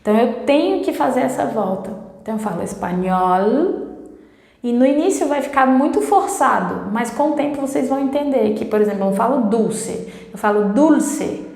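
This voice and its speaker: A Brazilian woman, a native Portuguese speaker, giving a casual Spanish lesson in a chatty way, often repeating herself and slowing down to demonstrate sounds. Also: high-pitched, expressive, creaky, a little mellow. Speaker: Spanish teacher. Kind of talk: casual online language lesson. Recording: echoey room with long reverb.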